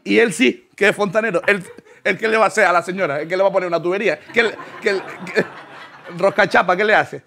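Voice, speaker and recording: Comedian guy telling a funny story, gravelly voice, does little voices. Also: high voice, quick pace, a little hiss or hum. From Canary Islands. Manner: animated, acts out voices, laughs through lines. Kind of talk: comic storytelling monologue.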